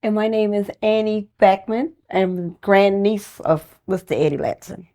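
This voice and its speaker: A woman's voice: medium pitch, steady tone, moderate pace, warm tone. A woman being interviewed, casually sharing recollections for an oral history.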